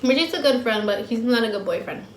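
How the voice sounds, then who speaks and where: A woman's voice: fairly high pitch, lively intonation, fast talker, a little hiss or hum. A young woman vlogger chatting casually while eating, blunt and slangy, laughing easily. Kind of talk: casual mukbang chat. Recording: roomy home sound with faint ambience.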